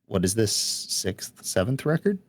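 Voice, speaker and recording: Deep-voiced young man, rambling podcast chat. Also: big pitch swings, a little slow. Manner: rambling, heavy use of "like", frequent laughs. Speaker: podcast co-host. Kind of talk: casual music podcast chat.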